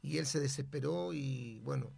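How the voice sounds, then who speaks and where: A man's voice: mid-range voice, moderate pace, vocal fry, a little mellow, breathy edge. A man, a pastor and radio host, telling a testimony in an emphatic, preacherly way. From Chile.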